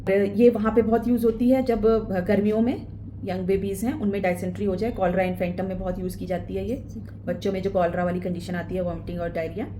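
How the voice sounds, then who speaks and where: A woman teaching a homoeopathy class. She mixes Hindi with English medical terms, reads English phrases slowly and often checks in with her listeners. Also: medium pitch, background noise. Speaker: homoeopathy lecturer. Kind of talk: classroom lecture on remedies.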